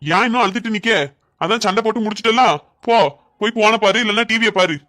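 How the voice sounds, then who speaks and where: A woman voicing an exasperated grown son and husband in a family comedy skit, fast, scolding and fed up. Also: on the high side, steady tone, fairly bright tone, natural voice.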